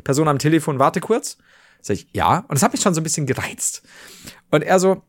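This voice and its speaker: A man hosting a podcast, telling a story in casual chat and acting out the quoted dialogue with big leaps in pitch, swearing casually. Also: big pitch swings, a little fast. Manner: swears casually, rambling restarts. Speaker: podcast host.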